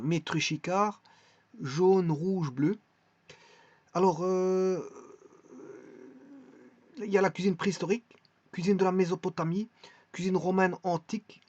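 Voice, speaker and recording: A man's voice: sits high, no room sound, lo-fi sound. A man talking casually in a vlog, presenting a website with many hesitations, restarts and repeated words.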